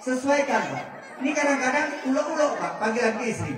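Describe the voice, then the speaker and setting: A man's voice: very high-pitched, very animated, brisk, heavy background noise. A man preaching a humorous sermon, telling stories and talking straight to the audience. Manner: joking, storytelling, addresses audience as Pak, Bu. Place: large hall with audience. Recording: echoey hall, distant mic, crowd.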